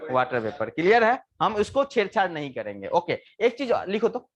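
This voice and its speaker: A male engineering teacher lecturing a live class in a lively voice that swings up and down. He keeps asking the students questions and answers them himself, and slows down sharply when he dictates a definition to be written down. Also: high voice. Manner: homely, colloquial teaching with everyday examples.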